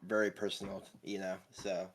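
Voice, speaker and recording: A man on a voice call, talking casually and hesitantly, filling pauses with "like" and "you know.". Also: low-pitched, level tone, a bit bright. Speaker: caller.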